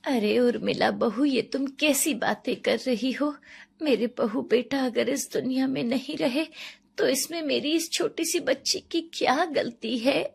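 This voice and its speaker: A woman voicing a kind, devout old grandmother in a cartoon story, speaking gently. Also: sits high, a little slow, creaky, husky, heavily acted. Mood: gentle pleading. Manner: gentle, pleading.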